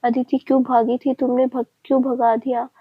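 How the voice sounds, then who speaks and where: A woman reading the lines of a blunt, mocking young man in a family story, with a husky voice. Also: high voice, moderate pace, no room sound. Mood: accusing. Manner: accusing, calm and cutting. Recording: dry, dull lo-fi sound.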